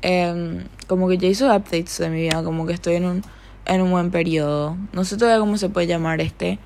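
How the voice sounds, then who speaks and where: A young woman with a Rioplatense Spanish accent, hosting a casual solo podcast. She talks chattily, drops in English words and trails off softly at the end of thoughts. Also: lowish voice, fairly even intonation, a little fast, vocal fry, slight background noise. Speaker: podcast host.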